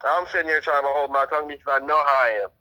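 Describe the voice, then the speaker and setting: Fast-talking young man over a phone line. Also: on the high side, steady tone, pushed and bright. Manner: rambling, profane, quotes others with "she's like". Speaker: trial witness. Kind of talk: casual phone conversation.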